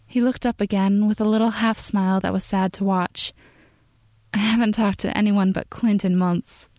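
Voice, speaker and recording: A woman voicing an anxious, lonely male inventor who talks roughly and hesitantly, in a storybook reading. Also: mid-range voice, steady tone, normal speed, a little mellow, no echo, lightly acted. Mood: pleading.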